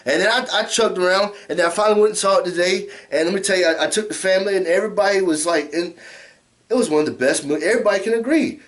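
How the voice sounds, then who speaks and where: In a notably high voice, a middle-aged American man rants drunkenly and casually at rapid-fire speed. Like an amateur reviewer addressing his viewers directly in a vlog, he rambles, loops back over the same phrases, and swears heavily and freely.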